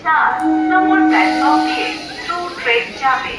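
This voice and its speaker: A woman making slow, deliberate railway announcements over a station loudspeaker, reading numbers one digit at a time. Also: high voice. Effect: heard over a station loudspeaker. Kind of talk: public address announcement. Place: railway platform. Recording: echoey distant station loudspeaker with music.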